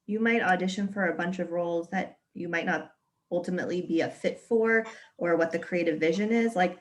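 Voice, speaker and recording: Encouraging woman casting director, lowish voice. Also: fairly quick. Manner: encouraging, conversational. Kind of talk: webinar Q&A answer. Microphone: video call.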